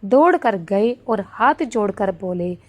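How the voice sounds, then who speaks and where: A woman narrating a devotional story in an expressive reading voice. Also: medium pitch, slow pace.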